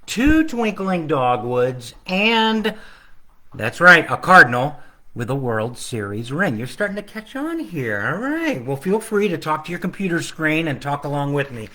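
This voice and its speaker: A children's author reads his own picture book aloud on a casual livestreamed storytime from his living room, tossing chatty, rambling, playful asides to his audience. His voice sits on the high side, bright and forceful, swinging widely in pitch at a measured pace.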